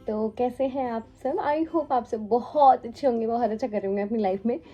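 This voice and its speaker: A woman's voice: a little high, moderate pace, dull audio. A young woman, a cabin crew member, casually telling a story in a chatty way, mixing English words into Hindi with many fillers. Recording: faint background music. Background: soft background music.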